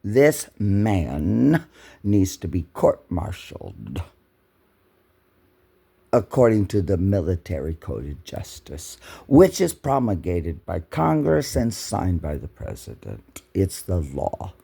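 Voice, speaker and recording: Man, very deep voice, gravelly, husky, dark tone, slow and swooping, indignant commentary. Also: wildly swooping pitch. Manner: indignant, repeats phrases for emphasis. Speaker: political commentator. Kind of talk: angry running commentary over news clips.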